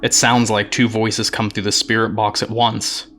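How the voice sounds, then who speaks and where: A man giving an even, explanatory voice-over while reviewing investigation footage. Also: on the low side, moderate pace, faint music behind. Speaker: narrator.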